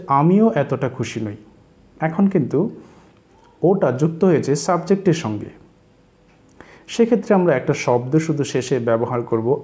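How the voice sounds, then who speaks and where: Guy teaching spoken english, says each example sentence slow and careful. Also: mid-range voice, darkish tone. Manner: explains in Bengali mixing in English phrases.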